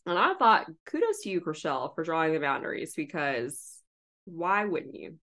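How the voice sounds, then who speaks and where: A woman in a casual podcast chat, voice a little low, jumping up high whenever she acts out what someone said. She talks with loose, swearing energy about a reality show. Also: moderate pace. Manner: animated, swearing, acts out quotes with rising pitch. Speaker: podcast co-host.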